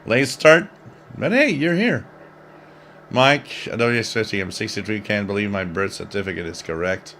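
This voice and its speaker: Here the shortwave livestream host, a man in his fifties, sounds animated as he jokes and rambles through viewer comments at normal speed. His voice is lowish and fairly bright, over slight background noise.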